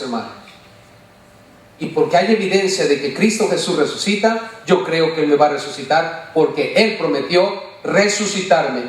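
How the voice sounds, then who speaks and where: A man preaching as a pastor, animated, often asking the congregation questions and joking. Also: a little high. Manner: playful, jokes and mimics voices. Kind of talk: sermon. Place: church sanctuary. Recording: echoey church from far off.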